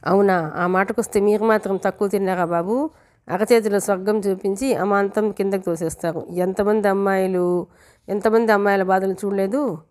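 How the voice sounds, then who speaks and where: A woman's voice: mid-range voice, steady tone, normal speed, a little mellow, smooth, lightly acted. Woman voicing a fierce police officer. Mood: teasing. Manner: stern, commanding questioning.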